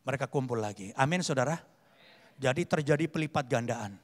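A male pastor preaching a sermon, swinging between loud fervent reading and low chatty asides. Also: fairly quick. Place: large convention hall. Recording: long hall reverb.

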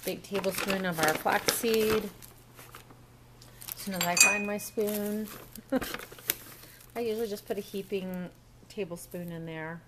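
A woman's voice: mid-range voice, fairly even intonation, slow pace, long pauses, very noisy. A woman walking through a recipe step by step in a casual kitchen demo at a home counter, recorded on the camera mic. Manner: chatty, step-by-step instructions. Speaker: cooking vlogger.

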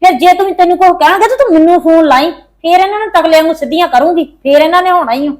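A woman with a Punjabi accent playing a bossy, protective elder sister who scolds fast and sharply. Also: extremely high pitch. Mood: scolding. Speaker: older sister character. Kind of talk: Punjabi family drama acting.

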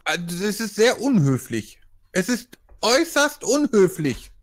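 A woman playing a tabletop role-play, speaking in character in a drawn-out, deliberate way. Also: medium pitch, big pitch swings. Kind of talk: in-character game chat.

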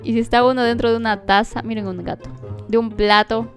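Brief: excitable woman gamer, higher voice, faint music underneath. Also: fairly quick. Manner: excitable, shrieks and gasps, talks straight to viewers. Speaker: gaming streamer. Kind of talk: let's-play commentary.

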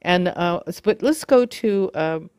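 A woman giving a casual how-to demonstration, talking haltingly with many fillers and self-corrections. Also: lowish voice, expressive, a little mellow, smooth. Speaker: video tutorial host.

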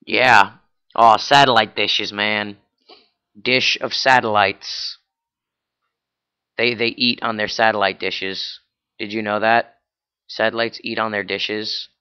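A man's voice: on the low side, flat delivery, slow pace, long pauses, pushed and bright, smooth, lo-fi sound. Crude, rambling gamer man. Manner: crude, rambling, joking to himself. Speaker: gaming YouTuber. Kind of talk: let's play commentary.

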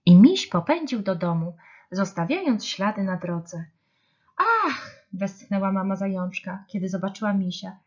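A woman reading children's stories aloud in an animated, expressive way. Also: mid-range voice, moderate pace, slightly rough. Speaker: storyteller. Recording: dull lo-fi storybook reading.

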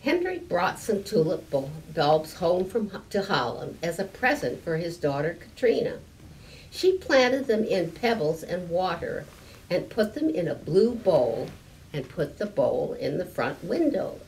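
A woman in her seventies or older reads a picture book aloud to children at story time, deliberate and slightly halting, adding small explanations. Her voice is fairly low and darkish with big pitch swings. She is recorded indoors in a library room with a stone fireplace by a camera a few meters away, giving a distant sound with room noise.

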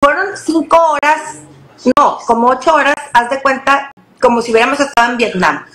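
A woman's voice: high-pitched, normal speed, a crowd in the background. A middle-aged woman, telling a family story in an interview, earnest and repeating words as she goes. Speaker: interview guest. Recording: echoey room.

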